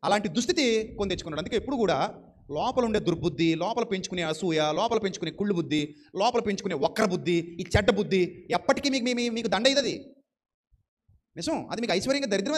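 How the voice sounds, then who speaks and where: Guy preaching fast and fired up, high voice, keeps firing off questions and repeating himself. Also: animated. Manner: fervent, rhetorical questions and repetition. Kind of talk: sermon.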